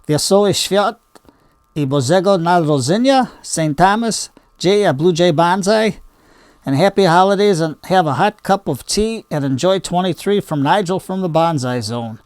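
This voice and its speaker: Older man, slightly high pitch, dry sound, casual hobby host, homespun, chatty, rambling asides. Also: normal speed, smooth, no echo. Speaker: bonsai hobby video host. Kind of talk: casual hands-on demonstration.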